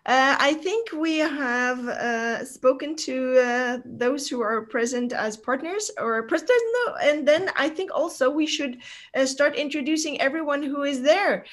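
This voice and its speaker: High-voiced woman hosting a video call. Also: a little slow. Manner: hesitant, warm welcoming with many fillers. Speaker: host.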